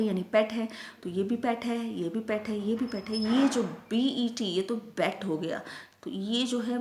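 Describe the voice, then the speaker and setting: A woman teacher leads a phonics lesson for young children. She sounds out letters and words slowly and clearly and asks patient questions. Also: fairly high pitch, reverberant.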